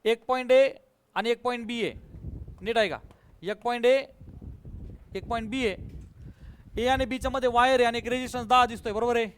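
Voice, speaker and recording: A man's voice: very high-pitched, fairly even intonation, a little fast, long pauses, a bit bright, slight background noise. A male physics teacher with a Marathi accent lecturing a class, coaxing answers from students and calling them बाळा and बेटा.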